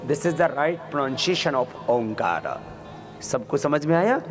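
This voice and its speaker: A man leading a youth camp as a yoga teacher, chanting slowly and correcting the crowd's pronunciation with humorous questions. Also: on the high side, sing-song, over music. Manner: slow, drawn-out chanting with corrective explanations.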